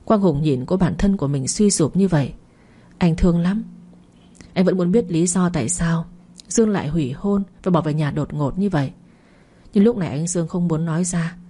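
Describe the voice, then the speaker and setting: A woman narrating a family drama story in a steady, dramatic manner. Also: on the low side, moderate pace, husky.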